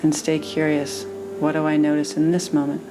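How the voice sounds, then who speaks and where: A woman guides a meditation as its teacher, soothing and pausing gently between phrases, though her low-pitched delivery stays completely flat. Background noise can be heard.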